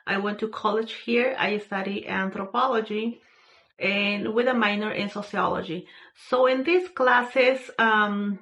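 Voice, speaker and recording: A woman's voice: mid-range voice, steady tone, a bit bright. Earnest woman from Peru. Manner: earnest, unhurried, with frequent fillers and restarts. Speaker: vlogger sharing a personal story. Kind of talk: casual personal testimony.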